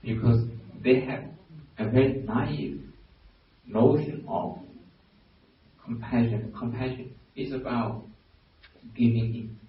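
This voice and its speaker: A man with a Burmese accent, a Buddhist monk giving a dharma talk, pausing and restarting often as he searches for words. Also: medium pitch, fairly even intonation. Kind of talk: dharma talk to a lay audience. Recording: very echoey hall, distant mic, dull lo-fi sound.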